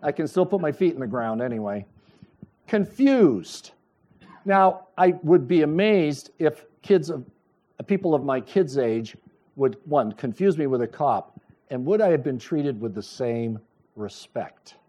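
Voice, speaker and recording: A middle-aged man preaching a sermon, telling a personal story with lively storytelling and acted-out dialogue. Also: medium pitch, moderate pace. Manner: animated storytelling, acts out dialogue, chuckles. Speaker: pastor.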